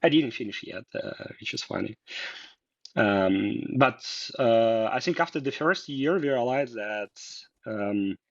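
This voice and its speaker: A man's voice: mid-range voice, measured pace, no echo. A man from Russia, a guest in a casual interview, talking hesitantly with many fillers and restarts. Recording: dull lo-fi sound.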